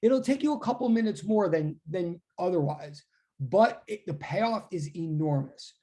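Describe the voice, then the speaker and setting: A middle-aged physics teacher lectures an online class in a conversational but intense, insistent way, often interrupting herself mid-explanation. Her voice is on the low side, expressive and warm, and she takes her time.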